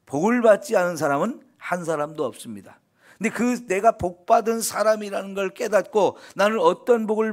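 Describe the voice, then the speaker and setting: Man, pastor, early morning sermon, high-pitched, earnest, encouraging, affirming interjections.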